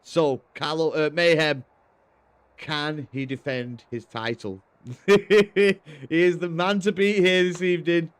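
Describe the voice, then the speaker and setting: A man's voice: fairly high pitch, slow pace, clear, resonant tone. A British man hosting a stream and commentating on racing games in an emphatic, laddish way, mixing race calls with casual chat. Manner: excited, emphatic calling of race action, laddish. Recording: music behind the voice. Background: music.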